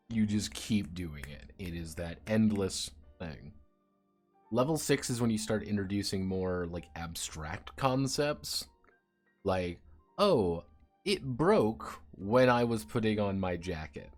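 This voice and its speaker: A man streaming and chatting casually, rambling, swearing and sardonic about his teaching job. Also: fairly low pitch.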